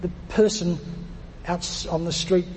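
A man's voice: high voice, fairly even intonation, a little slow, darkish tone, big-room sound, a little hiss or hum. A man preaching a sermon in a conversational way, repeating phrases and restarting as he thinks aloud. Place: church.

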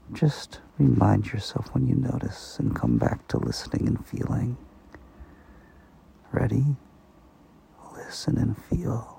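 A man softly guiding a sleep meditation, speaking slowly and slipping into whispers. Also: medium pitch, creaky, breathy edge, low-quality recording. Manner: slow, soft-spoken, partly whispered. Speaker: meditation guide.

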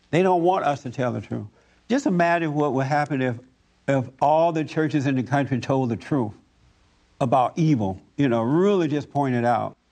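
The speaker is a man with a medium-pitched, slightly mellow voice. As host, he guides a casual group talk about preaching and takes questions from the audience. His delivery is homespun and plain, with loose grammar.

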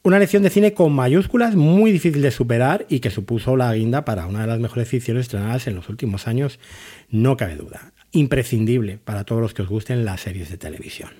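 A man's voice: mid-range voice, expressive, fairly quick, mellow, slightly rough. A man hosting a podcast, reviewing TV series with thoughtful enthusiasm. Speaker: podcast host.

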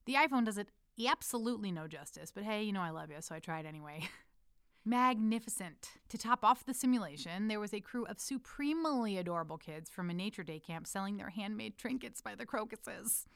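A woman's voice: medium pitch, animated, brisk, gravelly, a bit bright, clean tone, no room sound. A woman from the United States reads her own letter aloud in an intimate, playful way, talking straight to the listener as if to a loved one. Her voice sits in the middle range for a woman. The recording is dry and close. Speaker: newsletter writer reading her letter aloud. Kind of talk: personal letter read aloud. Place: lives in Amsterdam.

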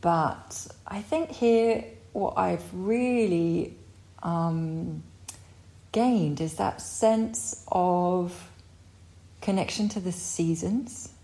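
A woman's voice: on the low side, drawn-out words, mellow. A woman co-hosting a podcast, talking in a thoughtful, easygoing way. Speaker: podcast co-host. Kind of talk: relaxed conversation. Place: home by a fireplace.

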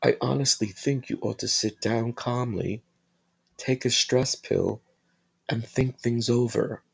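Man doing a calm, eerie ship computer. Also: medium pitch, slow pace, vocal fry, husky, heavily acted. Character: calm, eerily polite male spaceship computer.

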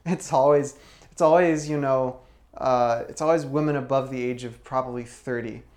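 A man's voice: medium pitch, steady tone, normal speed, a little mellow. A young man co-hosting a podcast, telling stories in an easygoing way. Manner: easygoing, storytelling. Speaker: podcast co-host. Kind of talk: casual chat.

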